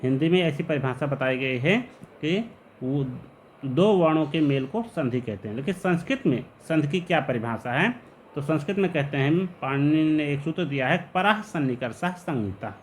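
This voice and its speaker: A man teaches Sanskrit grammar in a patient, explanatory way. His voice sits somewhat high and moves a lot in pitch. He drags out important terms slowly so the students can follow. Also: expressive, slight background noise.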